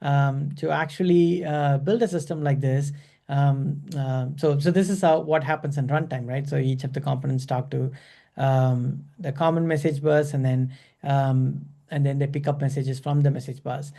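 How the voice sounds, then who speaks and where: A man's voice: mid-range voice, fairly even intonation, moderate pace, gravelly, dark tone. A man teaching a class over a video call, talking loosely with many fillers and restarts. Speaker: instructor. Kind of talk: online class lecture.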